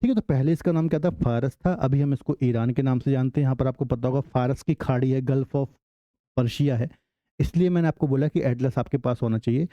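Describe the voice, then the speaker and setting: A man's voice: medium pitch, fairly quick, no echo, highs cut off. Man teaching with questions to the class. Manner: repeats questions to the class and answers them. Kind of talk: exam-prep geography lecture.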